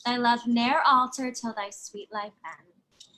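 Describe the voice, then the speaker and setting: A woman playing a modest, spirited young woman in love, speaking Shakespeare's verse with lively expression. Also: on the high side, slow pace. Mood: tender. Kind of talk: Shakespeare reading.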